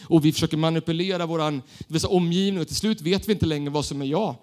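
A man in his thirties preaching a sermon, telling self-mocking stories in an animated way. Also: fairly high pitch.

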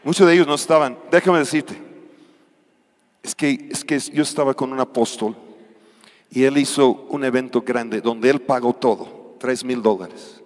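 A male pastor preaching a charismatic sermon, surging loud and dropping quiet. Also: mid-range voice, normal speed. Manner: preaches with sudden loud surges and quiet drops. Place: church hall. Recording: long hall reverb.

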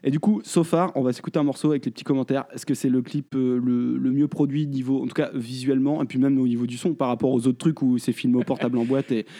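Mellow-voiced man in casual chat. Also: mid-range voice, steady tone, quick pace, few pauses. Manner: hesitant, many restarts and fillers. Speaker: podcast co-host.

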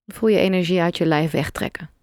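A woman leading a guided meditation, speaking gently and calmly in short, spaced phrases with long pauses. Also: fairly low pitch, no echo, clean studio sound.

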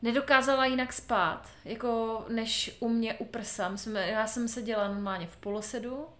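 A young woman co-hosting a casual podcast chat, talking candidly, laughing loudly and swearing casually. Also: fairly high pitch, steady tone. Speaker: podcast co-host. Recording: roomy echo.

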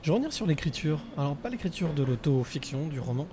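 A man's voice: on the high side, sing-song, quick pace, noisy background. A male host interviewing a guest, reworking his questions as he asks them. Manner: probing, rephrases questions. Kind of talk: podcast interview.

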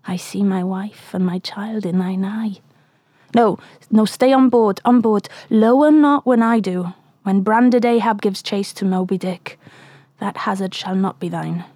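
A woman's voice: mid-range voice, unhurried, dark tone, dry recording, clean studio sound, natural voice. A woman voicing a weary, obsessed old whaling captain in anguished, archaic soliloquy for an audiobook. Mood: weary, tender. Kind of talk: dramatic audiobook reading.

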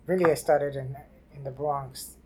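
An older woman from New City, telling her life story haltingly in an oral history interview. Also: very deep voice, fairly even intonation, mellow, a little hiss or hum. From New York City. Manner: halting, repeats and restarts phrases. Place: library office.

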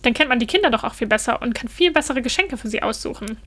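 A woman's voice: on the high side, lively intonation, fast talker, fairly bright tone. A woman voicing an earnest, cautious young male Christmas elf who talks eagerly.

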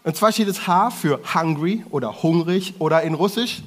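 A man preaching to a congregation in a lively way, talking directly to the audience with playful asides. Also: fairly high pitch, normal speed. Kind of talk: sermon to a congregation.

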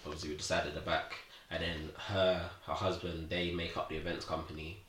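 A man's voice: a bass voice, level tone, brisk, reverberant, noisy background. A young man with a London roadman accent telling stories in casual, rambling slang as a podcast co-host. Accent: London roadman, multicultural street slang. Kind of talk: casual chat and storytelling.

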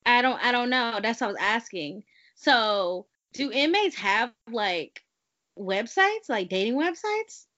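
A woman's voice: fairly high pitch, animated, a little slow, pushed and bright. A young woman hosting a casual podcast, brash and profane, teasing her co-host. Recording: dull lo-fi audio.

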